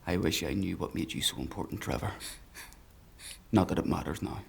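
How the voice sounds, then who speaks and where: In a dark fantasy audio drama, an actor voices a sadistic, fanatical male villain, menacing and theatrical, in a deep, gravelly voice. His brisk, heavily acted delivery is taunting and declamatory, swinging from hushed to screaming, with a mood of quiet gloating.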